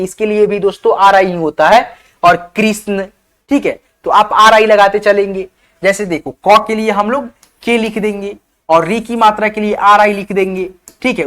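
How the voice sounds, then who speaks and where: A man's voice: high voice, fairly bright tone. A man teaching a beginners' spelling lesson, sounding out words letter by letter, often checking in with "theek hai" and calling viewers his friends. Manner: addresses viewers as friends, asks them to comment. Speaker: online teacher.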